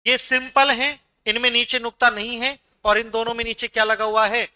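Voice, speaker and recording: A man's voice: very high voice, little pitch movement, normal speed, pushed and bright, clean tone, no room sound, clean studio sound. A man teaching pronunciation in class, drilling sounds aloud and asking students to repeat. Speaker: Hindi teacher.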